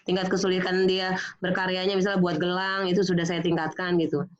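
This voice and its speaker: A woman's voice: lowish voice, level tone, fairly quick, highs cut off. A woman, a mother asking a parenting coach a question, speaking hesitantly in a casual chat.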